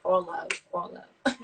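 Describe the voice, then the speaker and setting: A woman's voice: far from the mic, background noise. A woman from Brooklyn, an abstract artist chatting casually in an interview, thinking aloud with frequent restarts. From Brooklyn, New York. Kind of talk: casual interview over a live stream.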